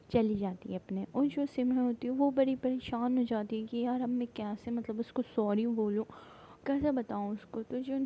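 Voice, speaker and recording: A woman casually retelling a drama plot, rambling with many fillers and halting restarts. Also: on the high side, highs cut off, a little hiss or hum. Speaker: storyteller recapping a drama plot.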